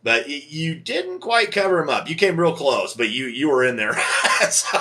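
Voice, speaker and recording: A man's voice: a little high, very animated, pushed and bright. A man operating a ham radio station from Montana, chatting casually with callers and signing off with call signs. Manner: friendly, drawn-out sign-offs with repeated "Roger, Roger".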